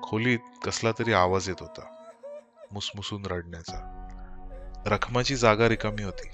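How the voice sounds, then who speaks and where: Low-voiced male horror storyteller. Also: fairly even intonation, moderate pace, a bit bright, faint music behind. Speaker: audiobook narrator. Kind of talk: scripted horror narration.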